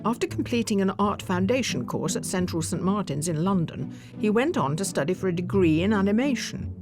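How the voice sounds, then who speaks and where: Expressive female narrator over music. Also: mid-range voice, a little fast. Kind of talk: scripted narration.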